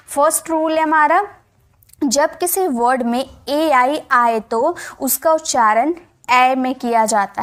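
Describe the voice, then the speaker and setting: Woman teacher, high bright voice, patient explainer, spells letters aloud, repeats words, checks in with viewers. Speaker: English teacher. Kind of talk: spoken phonics lesson.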